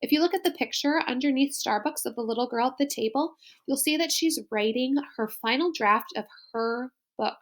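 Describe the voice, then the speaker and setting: A woman's voice: high voice, moderate pace, few pauses, fairly bright tone. A woman school librarian narrating a slide presentation in an upbeat, explanatory way.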